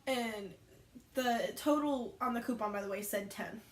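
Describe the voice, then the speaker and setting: Her voice slightly high and her pace measured, a young woman rambles through casual anecdotes from her work. She keeps revising what she says as she goes, and the room has noticeable echo.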